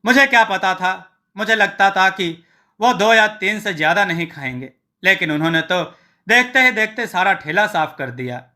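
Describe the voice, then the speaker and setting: Man doing a meek poor vendor, pleading, high voice, bright tone, storybook tale. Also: expressive, moderate pace, exaggerated voice. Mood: downcast. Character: meek, poor male street-food vendor, trusting in God.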